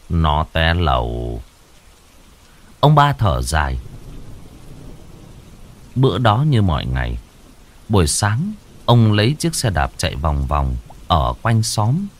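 Deep-voiced man telling a ghost story. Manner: slow, suspenseful and expressive. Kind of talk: dramatic ghost story narration.

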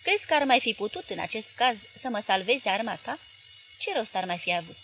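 A woman reading the lines of a powerful middle-aged male newspaper magnate, voicing him with gruff, explosive outbursts in an audiobook. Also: animated, a little hiss or hum. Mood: gruff, confiding. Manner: booming, explosive shouts.

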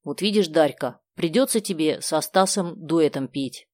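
A woman's voice: low-pitched, unhurried, darkish tone, no echo, studio quality. A woman voicing a sarcastic schoolgirl. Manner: sarcastic, indignant. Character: sharp-tongued sarcastic schoolgirl.

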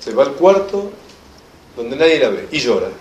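A man with a Rioplatense Spanish accent teaching an enneagram class in a lively lecture style, acting out the people in his examples with humor. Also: mid-range voice, normal speed, roomy sound, a little hiss or hum. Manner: animated storyteller, acts out quoted voices with laughter.

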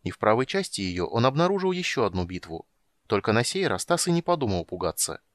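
A man narrating an audiobook in an expressive, animated reading. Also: on the low side, fast talker, dry recording.

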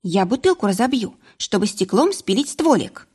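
A woman's voice: medium pitch, very animated, normal speed, darkish tone, slightly rough. A woman voicing an anxious, impulsive young woman lost in a winter forest, pleading and emotional, in an audiobook.

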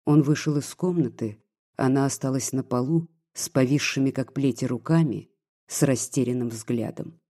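Male narrator reading a classic novel, husky mellow voice, steady delivery. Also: medium pitch, normal speed. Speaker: audiobook narrator.

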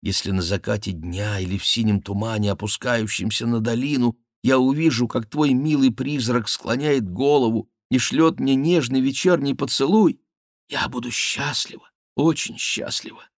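Young noblewoman in love, read by a man, soft, wistful, slightly raised, dry studio. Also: medium pitch, moderate pace, dry recording, pitched above the performer's own voice, natural voice. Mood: tender. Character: tender young noblewoman in love, gentle and dreamy.

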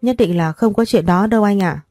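A woman's voice: medium pitch, fairly quick, warm tone, no echo, soft background music, close to an everyday voice. Scheming meddling sister, read by a woman, coaxing, dry close sound.

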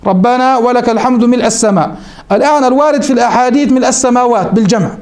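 Male religious teacher, high voice, fast talk, lecture style with questions to the class. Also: darkish tone. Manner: explains step by step, asks the class questions and answers them himself. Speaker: sheikh teaching Hanbali jurisprudence. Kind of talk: classroom lesson on a legal text.

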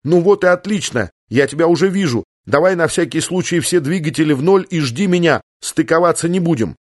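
A frantic young fighter pilot , as a male reader puts him on, pushing out urgent orders in a lifted, higher voice. He sounds insistent and stubborn, and refuses to back down. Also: animated, moderate pace. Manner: urgent, shouting commands.

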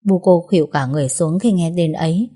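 A woman narrating a story in a steady, measured way. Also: low voice, breathy edge.

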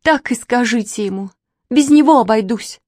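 A woman's voice: fairly high pitch, wildly swooping pitch, unhurried, slightly rough, no echo, studio quality, pitched above the performer's own voice, exaggerated voice. A woman reader voicing a frantic, tearful young woman who fires off anxious questions in a storybook.

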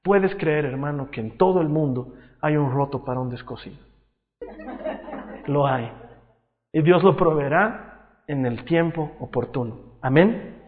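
A man in his thirties preaching a sermon as pastor, swinging between loud emphatic lines and quiet low ones. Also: unhurried, long pauses. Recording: tinny lo-fi sound with long hall reverb.

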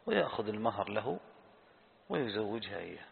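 A man teaching a lesson on Quran commentary, asking the audience questions and answering them himself, and slowly repeating key words. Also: lowish voice, sing-song, vocal fry. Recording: tinny phone-like sound in a reverberant hall.

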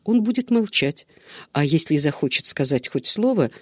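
A man voicing a young nobleman who speaks calmly and firmly, trying to restrain his servant. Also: fairly high pitch, moderate pace, husky, dry recording, studio quality. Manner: calm, firm, imploring.

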